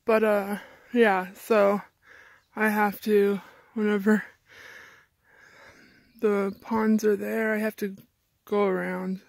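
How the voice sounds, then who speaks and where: A woman's voice: mid-range voice, flat delivery, takes it slowly, creaky, dry recording, poor audio. Tired young woman vlogging on a trail. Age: young adult. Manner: chatty, rambling, laughs often, talks while walking. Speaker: thru-hiker vlogger. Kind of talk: casual trail vlog. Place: outdoors in a mountain forest. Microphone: phone camera held at arm's length.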